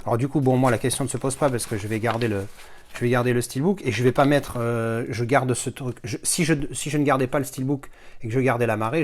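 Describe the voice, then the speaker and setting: A worn-out, sick man chats his way through unboxing films. He rambles, restarts and swears casually, with his pitch sitting in the middle. A faint noise runs behind him. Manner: chatty, rambling, many fillers and restarts. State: ill and worn out. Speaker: video host unboxing films.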